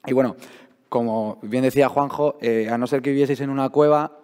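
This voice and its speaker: A man's voice: medium pitch, steady tone, a little fast, darkish tone. Man, voice giving out, colloquial science talk, big reverberant hall. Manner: colloquial, explanatory. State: hoarse, voice giving out after a night out. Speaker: seismologist, guest speaker. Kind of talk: informal science talk to an audience. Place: public talk in a large hall. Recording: echoey hall, long reverb.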